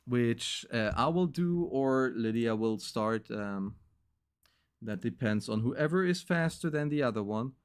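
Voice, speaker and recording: A man's voice: medium pitch, expressive, measured pace, clear, resonant tone. Young man, streamer, casual sign-off chat, rambly and filler-heavy.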